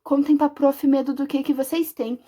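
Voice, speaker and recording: High-voiced, expressive woman teacher. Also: normal speed. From Brazil. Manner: expressive, sing-song. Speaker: preschool teacher. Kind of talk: storytelling for young children.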